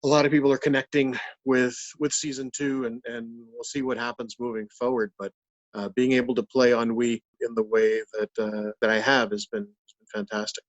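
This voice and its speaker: A man talking casually as an interview guest, halting and repeating words as he searches for the next one. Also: medium pitch, level tone, highs cut off. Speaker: puppeteer and voice actor, interview guest.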